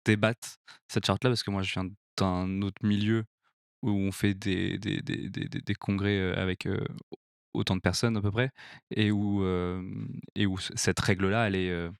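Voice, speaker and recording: Low-voiced halting man on a podcast. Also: little pitch movement, creaky, clean tone, dry recording, clean studio sound. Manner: halting, repeats words. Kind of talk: casual podcast chat.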